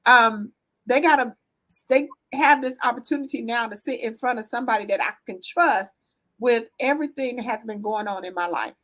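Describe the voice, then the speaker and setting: A woman with a Southern US accent speaks as a guest therapist, earnest and conversational. Her voice sits a little high, and she leans on fillers and asks "right?" as she explains. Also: brisk, poor audio. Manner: earnest, warm storytelling with frequent "um" and "right?". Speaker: therapist, business owner guest. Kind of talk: conversational interview answers.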